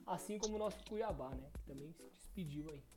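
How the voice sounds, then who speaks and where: With faint music behind him, a young Brazilian podcast co-host goes over football results in casual chat, tripping on foreign team names. His voice is on the high side, lively in intonation, a little fast, and carries a Brazilian Portuguese accent.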